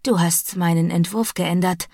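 A woman's voice: lowish voice, fairly even intonation, a little slow, dark tone, no echo, studio quality. A woman voicing a defiant young professional woman with a cool, clipped manner.

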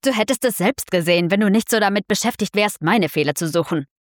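A woman voicing a self-assured, brooding man who speaks in a low, murmuring, teasing way. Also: expressive, fast, no room sound, studio quality, lightly acted.

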